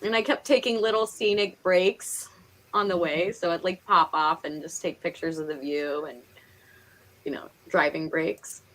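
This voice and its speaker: A Pennsylvania and New York native with a Northeastern American accent hosts a live stream full of casual, giggly, talkative chat. Her pitch is fairly low and her intonation fairly even, her tone is fairly bright, and she talks at a moderate pace on a rough recording.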